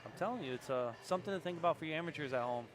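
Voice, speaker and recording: A man's voice: a little high, expressive, racing, a crowd in the background. A man in his forties commentating live pool, giving tips to amateur players in a coaching tone. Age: 40s.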